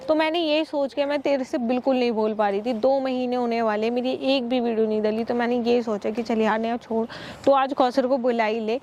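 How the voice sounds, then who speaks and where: A woman's voice: fairly high pitch, steady tone, brisk, few pauses, darkish tone, dull audio, slight background noise. A young woman pleading and insisting with a friend in casual talk. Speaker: YouTuber. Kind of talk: casual argument.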